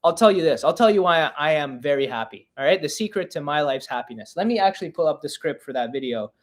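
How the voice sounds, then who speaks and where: A man in his twenties hosts a casual live-stream Q&A podcast, reading the chat aloud in a chatty, self-mocking way. His voice is on the high side, animated, and quick.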